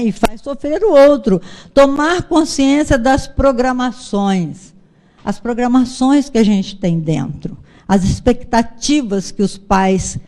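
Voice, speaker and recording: A woman's voice: medium pitch, mellow. A middle-aged woman from Brazil giving an earnest spiritist lecture, addressing her audience as brothers. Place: spiritist center hall.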